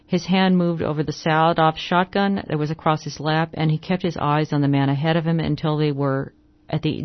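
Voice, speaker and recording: Story reader, western short story, steady measured narration, mid-range pitch, dull recording. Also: dry recording.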